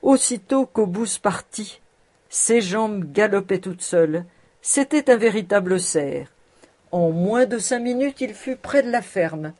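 A woman narrating a classic novel aloud in a measured, expressive reading. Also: medium pitch. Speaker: audiobook narrator. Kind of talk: scripted narration.

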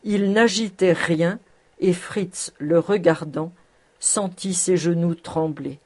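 Mellow-voiced woman narrating a novel. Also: lowish voice, slightly rough. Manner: measured, expressive reading. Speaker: audiobook narrator. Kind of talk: scripted narration.

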